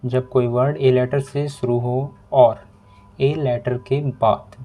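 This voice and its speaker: A man teaching a pronunciation lesson, explaining rules slowly and repeating each step. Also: mid-range voice, flat delivery, lo-fi sound. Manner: slow, repetitive explaining. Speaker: English teacher.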